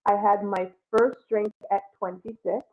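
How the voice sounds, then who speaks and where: A Jamaican-born woman in her thirties, raised in Canada, co-hosts a casual livestream chat in a mid-range, steady voice that moves a little slowly. She sounds a bit under the weather, and the stream audio is dull and lo-fi.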